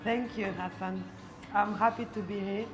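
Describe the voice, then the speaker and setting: A woman, born in Congo, speaking calmly and reflectively as an interview guest in a coffee shop. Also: mid-range voice, normal speed, soft background music. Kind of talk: casual interview.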